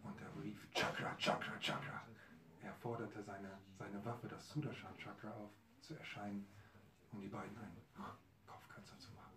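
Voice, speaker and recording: Lively male storyteller before an audience. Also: fairly low pitch, normal speed, a crowd in the background. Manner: lively, asks the audience questions. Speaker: storyteller, preacher. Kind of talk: devotional storytelling to a live audience. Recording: roomy hall, mic far, audience.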